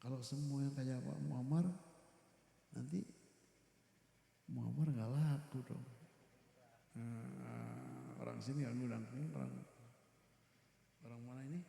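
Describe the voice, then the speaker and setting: A man's voice: medium pitch, flat delivery, slow pace, gravelly, pauses often, dark tone. A middle-aged man, teaching Quran reading to a women's gathering. He stresses his points by repeating them and now and then asks the audience questions. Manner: emphatic, repeats key phrases, chats with the audience. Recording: very echoey hall with long reverb.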